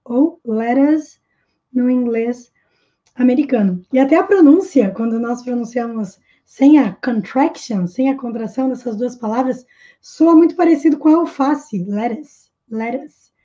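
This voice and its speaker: A woman with a high, very warm and mellow voice leads a live online language lesson. She repeats phrases slowly and deliberately to drill pronunciation. The recording sounds dull and lo-fi. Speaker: English teacher.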